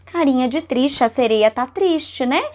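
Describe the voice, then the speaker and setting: A mother tells a bedtime-style story to her baby in a high, bright voice. She takes it slowly and keeps pausing to ask the little one questions. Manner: animated, asking the child questions.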